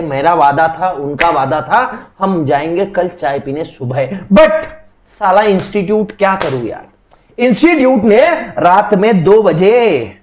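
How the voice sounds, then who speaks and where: Young male law lecturer, high-pitched, casual and jokey, teaches through everyday anecdotes. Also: darkish tone. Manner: chatty, jokey storytelling to explain law.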